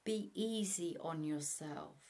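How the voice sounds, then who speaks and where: A woman narrating a guided meditation as an instructor, in a measured way. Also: deep voice, vocal fry, a little mellow. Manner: slow, measured, instructional delivery.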